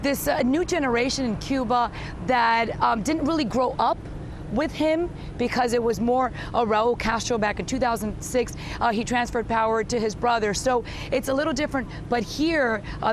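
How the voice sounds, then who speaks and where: A woman from South Florida giving an earnest, emphatic live news report from the street. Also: a little high. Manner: earnest, emphatic, some restarts. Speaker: field reporter. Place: outdoors on a city street. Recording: street noise behind.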